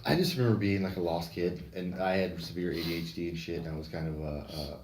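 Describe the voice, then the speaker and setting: A man from Oregon rattles through his life story in a casual podcast chat, his voice very low and his pace quick. He talks rambling and profane, and the room around him rings with echo under a faint hiss of noise. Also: steady tone, a little mellow. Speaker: podcast host and former fighter.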